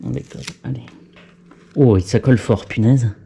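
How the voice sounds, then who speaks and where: A man's voice: mid-range voice, moderate pace, gravelly, background noise. A man talking casually to himself as he fits a headset into a helmet, muttering and joking at his own expense. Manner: chatty, muttering to himself, self-mocking. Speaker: vlogger fitting a helmet intercom. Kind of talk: casual talk to camera while working.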